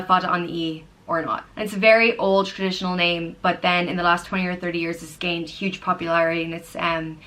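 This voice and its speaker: Bright-voiced Irish woman explaining names. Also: on the low side. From Ireland. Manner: chatty, spells names out letter by letter, frequent ums. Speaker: vlogger teaching name pronunciation. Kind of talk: casual spoken explainer.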